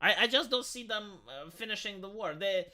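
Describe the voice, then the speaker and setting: Tinny, animated man. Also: high-pitched, moderate pace. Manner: argumentative, blunt, swearing. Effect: tinny, metallic sound. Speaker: live streamer. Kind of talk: casual opinionated chat, answering comments.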